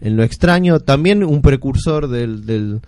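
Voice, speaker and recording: Relaxed Rioplatense columnist, dry sound. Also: male voice, mid-range voice, measured pace, no room sound. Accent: Rioplatense Argentine. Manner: relaxed, rambling with fillers and restarts. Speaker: literature columnist. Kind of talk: casual radio commentary.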